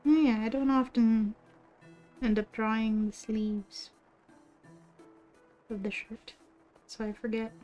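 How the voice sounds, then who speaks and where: A woman's voice: on the high side, fairly even intonation, slow, pauses often, dark tone, lo-fi sound. A woman with a cute, bubbly anime-streamer delivery, chatting casually on a livestream. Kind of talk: casual livestream chat while drawing. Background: background music.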